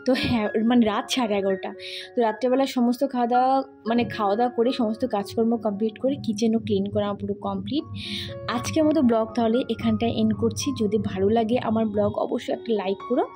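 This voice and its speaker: A slightly hoarse woman narrating her home cooking vlog in a chatty way, talking straight to viewers with plenty of fillers. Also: on the high side, steady tone, fast, over music. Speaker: cooking vlogger. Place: home kitchen.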